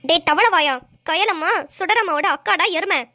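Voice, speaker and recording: A bossy young cartoon wife who scolds nonstop and tosses insults , voiced by a woman. Her voice sits extremely high and rings bright. She is dry and close, recorded in a studio. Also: moderate pace, no echo. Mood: scolding. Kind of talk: cartoon voice acting.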